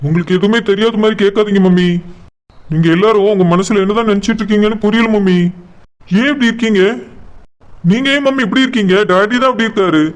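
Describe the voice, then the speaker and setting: Guy doing a high-voiced angry young cartoon son. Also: fast talker, close to an everyday voice. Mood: angry, pleading. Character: angry young man Surya, hurt and defiant. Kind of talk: cartoon voice acting.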